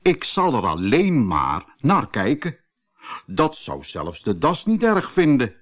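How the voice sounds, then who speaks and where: A man voicing a boastful, reckless male toad in a children's storybook, excitable and prone to wailing. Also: medium pitch, slow, exaggerated voice. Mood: scheming.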